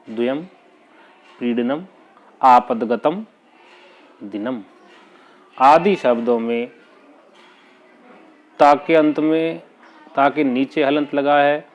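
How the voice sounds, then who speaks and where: A male language teacher gives a lecture at a measured, unhurried pace. He lays out each example word with careful, deliberate articulation. His pitch sits in an ordinary middle range. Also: a little mellow. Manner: slow, deliberate, over-articulating example words. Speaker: Hindi teacher. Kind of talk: lecture on pronunciation.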